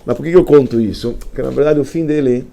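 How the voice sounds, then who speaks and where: Man, rabbi, colloquial lesson, animated storytelling, mid-pitched, gravelly. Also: quick pace, noisy background. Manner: animated, colloquial, with slang and restarts. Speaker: rabbi teaching a class.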